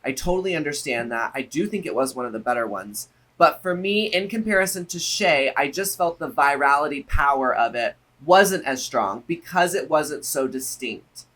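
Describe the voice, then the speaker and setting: Bright, higher-voiced campy man. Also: lively intonation, moderate pace, few pauses, poor audio. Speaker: reality show review co-host. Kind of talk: casual opinionated review chat.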